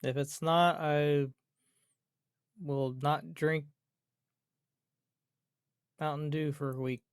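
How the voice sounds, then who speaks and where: A man's voice: on the high side, steady tone, takes it slowly, clear, resonant tone, no echo, clean studio sound. A man delivering an unscripted, exasperated gaming rant, grumbling and swearing, with emphatic repetition and rhetorical questions. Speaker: gaming commentator. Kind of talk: unscripted rant about a video game.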